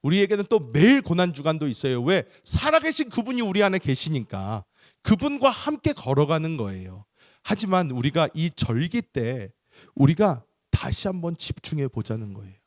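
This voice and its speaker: Animated male pastor preaching. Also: a little high, moderate pace, dry recording, clean studio sound. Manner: animated storytelling, acts out voices. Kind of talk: sermon.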